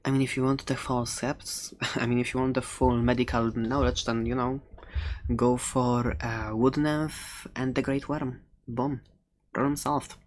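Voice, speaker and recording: A soft ASMR scene features a woman as an amiable, gabby shopkeeper from a fantasy world, playfully hesitating her way through a rambling sales pitch. Her tone stays steady and a bit slow, with a little hiss or hum underneath, and the mood is informative and chatty.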